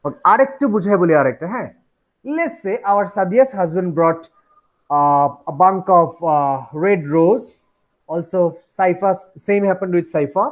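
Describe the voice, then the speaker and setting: A man's voice: high voice, lively intonation, very slow. A man teaching an English phonetics class, switching between Bengali and English and often asking whether the students follow. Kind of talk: classroom lecture.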